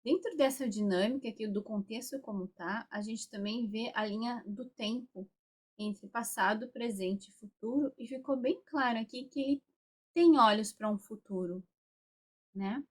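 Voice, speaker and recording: A woman with a Brazilian Portuguese accent and a fairly high voice tells how a family constellation session went. She puts on brief, higher voices for the people she quotes. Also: moderate pace. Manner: acts out quoted voices with raised pitch. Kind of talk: recounting a therapy session.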